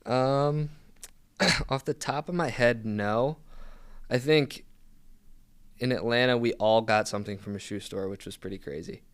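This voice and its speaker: A young man from Philadelphia, a professional soccer player, guests on a podcast in a clear, resonant, medium-pitched voice. He talks a little slowly and easygoingly, pausing often, with many "um"s and restarts, on a dry recording.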